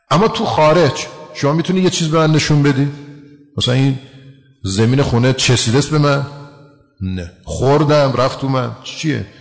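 A man's voice: mid-range voice, long reverb tail. A man giving a religious lecture, explaining a text and asking his listeners rhetorical questions.

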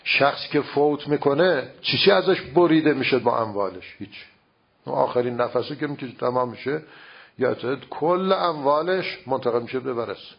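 A man's voice: mid-range voice, gravelly, slightly rough. A man teaching religious philosophy in an informal lecture, explaining with everyday examples and rhetorical questions. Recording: dull lo-fi recording.

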